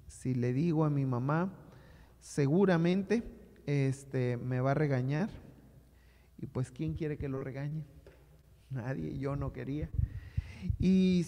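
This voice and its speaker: High-voiced northern Mexican pastor, echoing hall. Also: male voice. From Hermosillo, Sonora, Mexico. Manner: animated storyteller, acts out voices. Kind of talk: storytelling sermon.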